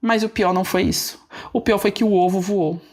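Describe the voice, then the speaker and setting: A woman tells viewers a personal story in an animated, self-mocking way, with quick asides to her audience. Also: mid-range voice. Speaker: vlogger telling a personal story.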